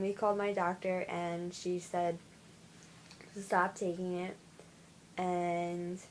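Tired, flat-voiced young woman. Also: fairly low pitch, slight background noise, poor audio. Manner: halting, with many fillers and restarts. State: tired, yawning. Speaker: vlogger. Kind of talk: casual personal video diary.

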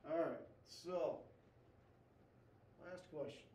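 A man's voice: on the high side, slow, mellow, a little hiss or hum. A man teaching a math class, asking students questions, repeating their answers and tagging "okay?" after his points. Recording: echoey classroom, voice from far off.

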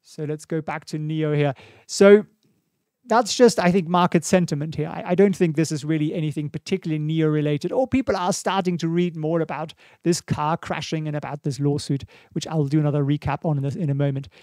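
His voice is fairly high and darkish, brisk, with fairly even intonation. This German-accented stock livestream host in his forties casually comments on market charts, thinking aloud and fielding viewer questions. He uses a boom studio mic before his face in a small home studio, and there's no room sound.

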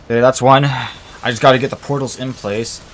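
Young man, let's play commentary, exasperated venting, rambling with fillers, mid-pitched voice. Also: steady tone, moderate pace, a bit bright. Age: young adult. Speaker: gaming channel host.

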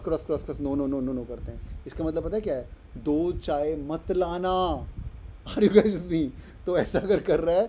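A man's voice: on the high side, warm tone, slight background noise. Playful man teaching a class. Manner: playful, teasing, acts out student voices. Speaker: vocabulary teacher. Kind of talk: online class lecture.

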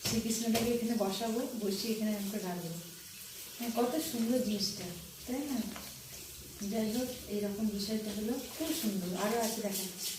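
Middle-aged woman softly gushing over her shopping, bit high voice, roomy echo, kinda far from the mic. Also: fairly quick, noisy background. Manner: chatty, gushing, repeats herself; soft, hushed talk. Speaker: vlogger showing purchases. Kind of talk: casual show-and-tell chat.

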